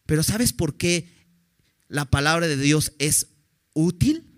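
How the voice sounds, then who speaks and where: A man's voice: on the high side, lively intonation, slow pace. A man preaching a sermon in an earnest, direct way, often putting questions to his listeners.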